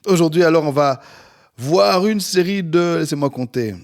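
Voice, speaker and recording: A pastor in his forties hosting a podcast from home, talking with energy and warmth about friendship. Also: on the high side, normal speed. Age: 40s. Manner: energetic, upbeat, animated. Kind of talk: podcast sermon. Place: at home near an airport, planes passing.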